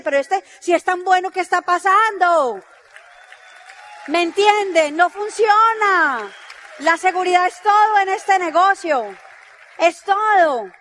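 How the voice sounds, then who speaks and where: A middle-aged woman speaks from a stage in a high, bright register. She tells stories with animation and slips into the voices of the people she quotes. Her voice comes from a little way off the mic, as in a live talk. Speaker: motivational speaker at a business event.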